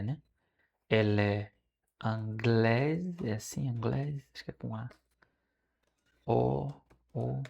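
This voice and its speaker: A Brazilian Portuguese speaking man studying French aloud, repeating phrases slowly and correcting himself as he goes. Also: mid-range voice, creaky. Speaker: language learner streaming his study. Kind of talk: casual study vlog, thinking aloud.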